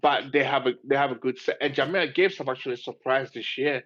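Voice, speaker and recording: A man's voice: medium pitch, fairly quick, a bit bright. A man co-hosting a sports podcast, talking in an easygoing, teasing way. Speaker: podcast co-host. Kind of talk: casual sports chat. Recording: slightly dull lo-fi sound.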